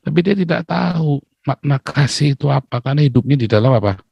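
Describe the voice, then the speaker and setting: A man preaching a sermon in a lively, joking way, often calling his listeners brothers and sisters. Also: mid-range voice, fast, gravelly, breathy edge, no echo, dull audio.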